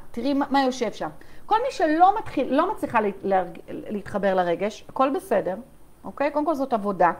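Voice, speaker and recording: Woman coach, high voice, live online session, emphatic, keeps asking "okay?", reads chat replies aloud. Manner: addresses listeners directly, reads their chat replies aloud; repetitive, emphatic, many "okay?" check-ins.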